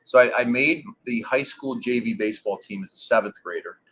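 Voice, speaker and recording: A man in his forties, a former pro ballplayer, telling stories in a relaxed interview with lots of fillers. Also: medium pitch, a little fast. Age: 40s. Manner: relaxed storytelling with many fillers. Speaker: guest, former pro baseball pitcher. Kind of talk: casual interview.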